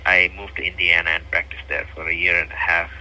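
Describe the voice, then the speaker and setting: A man's voice: deep voice, completely flat delivery, fairly quick, bright, forceful tone, poor audio. A man in his thirties from Nepal with a Nepali accent, a physician guest speaking earnestly in an interview, with many fillers.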